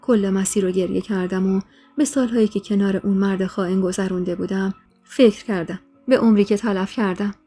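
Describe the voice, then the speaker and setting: A woman's voice: mid-range voice, steady tone, mellow. A woman narrating a dramatic first-person story in an emotional way, growing heated in the dialogue. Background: faint music.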